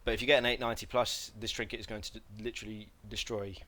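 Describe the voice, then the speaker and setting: Rambling man with a low voice giving a game tutorial. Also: flat delivery, racing, a bit bright. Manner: rambling, self-correcting, frequent fillers. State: coughing, slight throat irritation. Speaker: game guide presenter. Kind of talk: casual gameplay tutorial.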